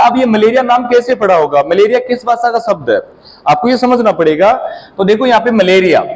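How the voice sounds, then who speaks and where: On a rough recording, a man with a high voice teaches a competition exam lecture. He questions the class and has them repeat key terms back to him through repeated call-and-response prompts.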